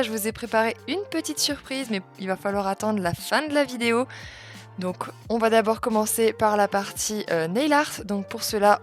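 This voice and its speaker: A woman talks through a nail art tutorial in an unhurried voice-over, explaining each step with small hesitations. Her voice sits at a middle pitch, and soft music plays faintly underneath. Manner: calm, step-by-step explaining with fillers.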